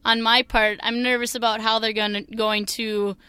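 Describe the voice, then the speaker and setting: Energetic young Minnesotan woman, bright voice. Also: fairly high pitch, normal speed, clean tone, no room sound. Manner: energetic and earnest. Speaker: new teacher, interview guest. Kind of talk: interview answers.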